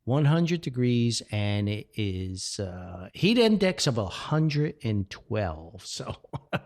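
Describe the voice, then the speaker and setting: A podcast host with a fairly low, slightly mellow voice speaks slowly yet very animatedly on his chatty solo show with sponsor reads. He rambles in a folksy, jovial way, full of exclamations and frequent chuckles.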